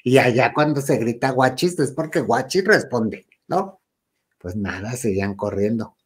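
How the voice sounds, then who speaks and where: A man's voice: mid-range voice, animated, a little slow, husky. A man with a Mexican accent telling a ghost story casually and animatedly, dropping to a whisper at the spooky parts. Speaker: guest storyteller.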